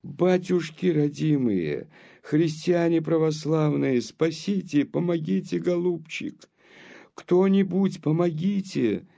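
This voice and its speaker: A man voicing a frantic, weeping middle-aged townswoman who pleads in rapid bursts between sobs, as in a storybook reading. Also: on the high side, lively intonation, gravelly, mellow, exaggerated voice. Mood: wailing.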